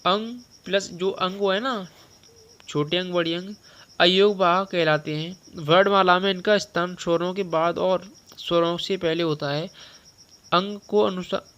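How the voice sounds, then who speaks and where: Bright, crisp-voiced young male teacher. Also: sits high, fairly even intonation, measured pace, lo-fi sound. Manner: conversational, repeats points and quizzes the listener. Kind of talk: spoken lesson on Hindi grammar.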